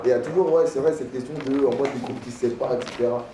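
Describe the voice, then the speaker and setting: A man from a rap group, talking in a relaxed, reflective, slangy way during an interview. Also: mid-range voice, rapid-fire, a little hiss or hum. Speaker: rapper in a group. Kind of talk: casual interview answers. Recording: roomy, far from the mic, crowd behind.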